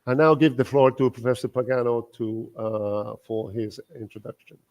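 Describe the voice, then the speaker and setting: A man's voice: mid-range voice, fairly even intonation, normal speed, darkish tone, lo-fi sound. A man chairing a lecture, making brief, informal opening remarks before handing over the floor. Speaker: event chair.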